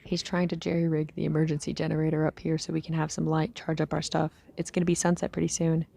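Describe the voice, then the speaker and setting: Casting: actress as tired young female apocalypse survivor, audio drama diary; low gravelly fry, halting, musing delivery trailing into breathiness. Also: completely flat delivery, noisy background. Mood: resigned. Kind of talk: scripted audio diary monologue, fiction drama.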